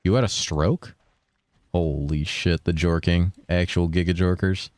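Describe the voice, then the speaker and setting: He's a young streamer chatting casually with viewers mid-game, unhurried and rambling, cursing a lot and reading chat messages aloud. His deep voice is pitched slightly above its natural level, and there's no echo.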